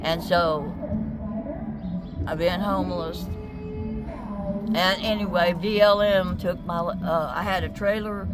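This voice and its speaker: A woman in her seventies from Texas tells her story in a casual street interview outdoors beside a busy road, rambling and plainspoken with many restarts. Her voice is fairly low and steady, slow with long pauses, and loud music plays behind her along with loud traffic noise.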